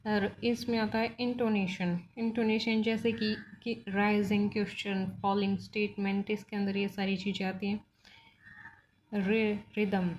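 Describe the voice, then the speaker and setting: A woman teacher with an Indian English accent walks through a linguistics lesson, switching easily between Hindi and English. Her voice sits at an ordinary middle pitch. She explains each point patiently and keeps asking whether the class is following. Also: flat delivery, unhurried, dull audio. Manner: explains step by step, checking in with "ठीक है ना". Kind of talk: bilingual exam-prep lecture.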